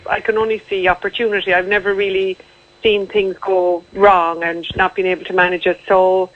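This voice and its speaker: A woman's voice: mid-range voice, flat delivery, moderate pace, dry recording. A woman with a west of Ireland accent, talking conversationally and matter-of-factly about her own story as a guest in a radio interview. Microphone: telephone. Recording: tinny narrow-band phone line.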